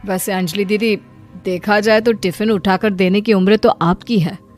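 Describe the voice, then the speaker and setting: A woman voicing a needling young woman of the household who lectures an unmarried woman, over soft music. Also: medium pitch, fairly even intonation, moderate pace, close to an everyday voice. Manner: needling, mock-reasonable.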